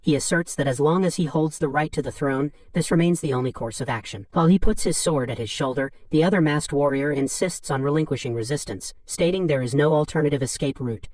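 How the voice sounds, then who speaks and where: A man with a somewhat high voice narrates a story recap, reading each beat in an even, flat third-person summary. The sound is dry and close, with no room around it. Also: fairly quick, hardly any pauses, dry recording.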